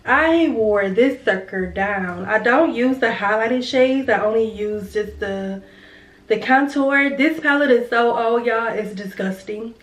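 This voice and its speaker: Young woman doing a grwm, slow chatty talk, kinda far from the mic, roomy sound. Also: fairly high pitch. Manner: chatty and heartfelt, addressing viewers as girl and y'all. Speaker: beauty vlogger. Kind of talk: casual get-ready-with-me chat. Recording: roomy sound from a distance with faint music.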